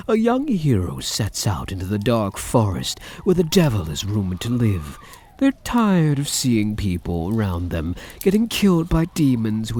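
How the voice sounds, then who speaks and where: In a soft-spoken ASMR roleplay, a man plays a possessive, seductive vampire count, teasing and menacing in an intimate, deliberate way. His lowish voice is soft and husky, and the performance is heavily acted.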